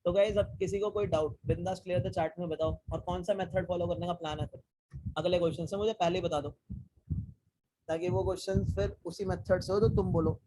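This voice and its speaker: A man's voice: high voice, fairly even intonation, a little fast, dark tone, slightly rough, poor audio. A young man teaching a live online coding class, talking students through code step by step, asking them questions and mixing English technical terms into casual Hindi. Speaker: programming teacher.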